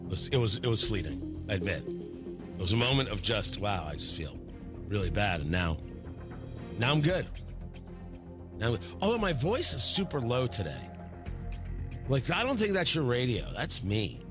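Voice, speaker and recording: A man's voice: medium pitch, very animated, moderate pace, long pauses, music in the background. A man hosting a radio show with casual, joking banter, often breaking off and restarting his thoughts. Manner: joking, self-interrupting.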